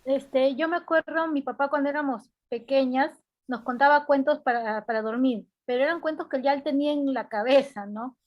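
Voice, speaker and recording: A high-voiced woman student speaks up in class to share a memory. She tells it in a chatty, reminiscing way. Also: normal speed, lo-fi sound. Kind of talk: class comment, personal anecdote.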